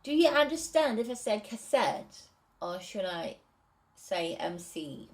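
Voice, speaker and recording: A woman reads from her novel draft and talks it over, hesitant and pausing to rethink her wording. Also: medium pitch, sing-song. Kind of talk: casual reading and commentary.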